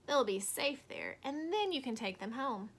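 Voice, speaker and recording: A woman voicing a friendly, easygoing male mouse schoolteacher in a storybook, upbeat and gently firm. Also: sits high, expressive, normal speed, slightly rough, full character voice.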